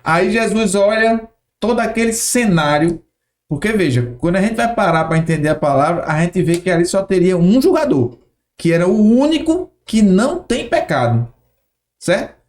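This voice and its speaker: A man's voice: high voice, animated, normal speed. A man with a Brazilian accent, hosting a podcast, thoughtfully retelling a scene as he imagines it aloud. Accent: Brazilian Portuguese. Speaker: podcast host. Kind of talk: reflective conversational storytelling.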